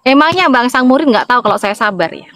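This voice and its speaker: Heard on a low-quality recording, a high-pitched evangelist from Madura, Indonesia, talks quickly with a Madurese accent. Her sermon is informal, lively, and chatty, with constant call-and-response to her listeners.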